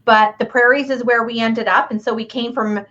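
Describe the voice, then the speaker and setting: A woman in her fifties, born in Chile, chatting as a guest on a video call in a friendly, thoughtful way with pauses. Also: a little high, steady tone, sharp tone. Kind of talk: casual video call chat. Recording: dull lo-fi call audio.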